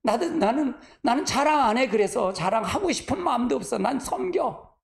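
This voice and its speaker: A man's voice: extremely high pitch, expressive, moderate pace, gravelly. A man preaching to a congregation as pastor, chatty and homespun, sighing often and calling on the listeners to answer back. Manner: asks the congregation for responses. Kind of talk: sermon.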